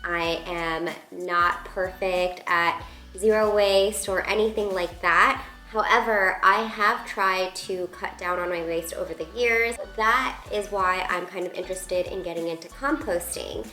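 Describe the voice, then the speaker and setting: A woman's voice: fairly low pitch, measured pace, sharp tone. A woman who grew up in Taiwan, chatting casually through a home product review with lots of filler words. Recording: echoey room with faint music.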